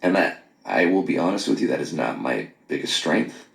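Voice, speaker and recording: A man leaving a late-night voice message on his phone, earnest and apologetic, talking haltingly with many pauses and restarts. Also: low voice, very animated, creaky. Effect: voice message recorded on a phone. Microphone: phone held close. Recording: echoey phone voice memo.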